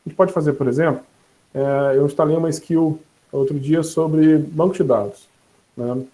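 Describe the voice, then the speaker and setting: A man with a Brazilian Portuguese accent giving a casual online lesson, talking in a relaxed, chatty way with laughs and self-corrections. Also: on the high side, normal speed, low-quality recording. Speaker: instructor demonstrating a voice assistant.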